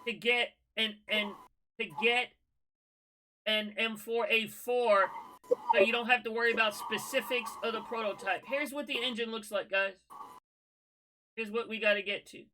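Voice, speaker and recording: A man, hosting a casual scale modeling livestream and giving relaxed, folksy advice to viewers. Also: high voice, normal speed, long pauses, noisy background.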